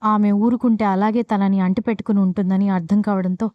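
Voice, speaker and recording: A woman narrating a scripted audio story with a brisk, steady reading. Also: mid-range voice, no room sound, highs cut off.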